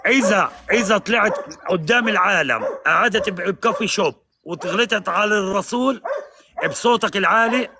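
A man's voice: high voice, fairly quick, noisy background. A man in a heated live-stream debate, pressing the same challenge again and again and talking over the other speaker. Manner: insistent, repeats challenges, talks over the other.

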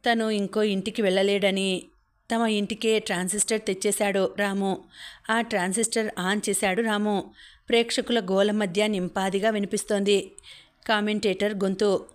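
A woman reading a story aloud as an audiobook narrator, in a steady, even storytelling manner. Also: medium pitch, normal speed. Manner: even, steady reading, voicing characters' lines within the story.

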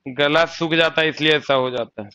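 A man's voice: fairly high pitch, normal speed, pushed and bright, clear, resonant tone, low-quality recording. A man with a Bihari accent teaching a coaching class, chatty, often asking the students questions and answering them himself. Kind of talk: classroom lecture.

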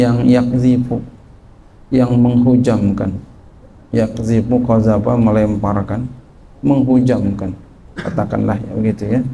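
A man teaching a kitab lesson, reading Arabic text and explaining it in lively colloquial speech. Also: medium pitch, creaky, a little hiss or hum. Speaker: Islamic teacher.

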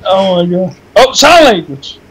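High-voiced goofy man joking over a game. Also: very animated, unhurried, a bit bright, husky, poor audio. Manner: crude, goofy running gags. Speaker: co-player in a let's play. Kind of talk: casual gaming banter.

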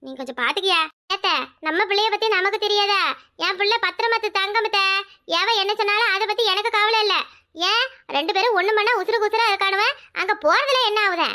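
A woman puts on an emotional older village mother for a cartoon, who pleads and scolds. Her voice is strikingly high and bright, and her words come out fast. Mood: fond. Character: worried, tearful older village mother and sister. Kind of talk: cartoon voice acting.

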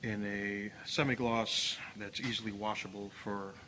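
A man's voice: lowish voice, fairly even intonation, unhurried, pushed and bright, a little hiss or hum. A man with a Chicago accent, a remodeling contractor walking through a factory bathroom job and explaining the work in a plain, matter-of-fact way with many fillers, filmed on a handheld phone. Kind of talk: casual walkthrough narration. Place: large unfinished factory bathroom. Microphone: handheld phone camera. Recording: echoey empty room.

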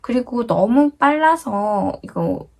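A woman gently teaching pronunciation in a casual lesson, slowly demonstrating lines and sometimes whispering. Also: a little high, lively intonation, creaky. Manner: gentle, patient explaining, drops to a whisper at times. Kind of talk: casual lesson, slow sung and spoken demonstrations.

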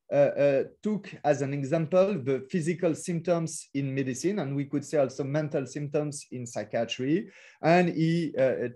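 A man with a French accent lectures over a video call, his voice sitting fairly high but mellow and soft-edged. He picks his way through non-native phrasing with frequent fillers and restarts, steady and academic in tone. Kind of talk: academic webinar talk.

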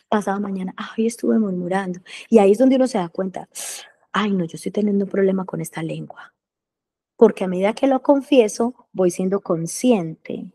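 A woman preaching a sermon, earnest, who acts out prayers in a hushed voice. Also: mid-range voice.

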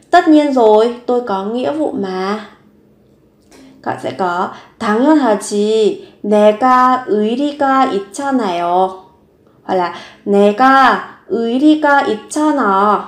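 A woman teaching a vocabulary lesson, reading example sentences aloud and repeating each word slowly and carefully. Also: a little high, animated, roomy sound. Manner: slow, careful repetition of words and sentences. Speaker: Korean language teacher.

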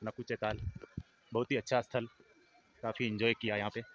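A man narrating his travel vlog outdoors by a hill lake, talking in a soft, low-key way into a handheld phone. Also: little pitch movement, a little fast. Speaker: travel vlogger. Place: outdoors at a lakeside in hills. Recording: lo-fi phone audio with outdoor noise.

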